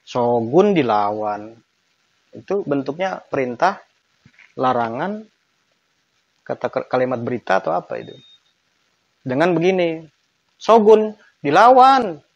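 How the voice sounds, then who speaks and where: A man's voice: mid-range voice, expressive, a little slow, gravelly, pauses often, no room sound, lo-fi sound. A man giving a conversational online lesson on Quran grammar, emphatic and acting out intonation examples.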